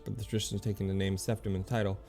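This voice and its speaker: A man streaming a game, reading its lore aloud in a halting way, often stumbling and correcting himself. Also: lowish voice, little pitch movement, creaky, darkish tone, faint music behind.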